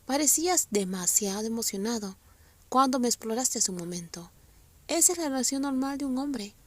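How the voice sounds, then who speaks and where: A woman voicing a bold, lovesick young man in a read-aloud story, speaking low and insistently. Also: expressive, moderate pace, dry recording.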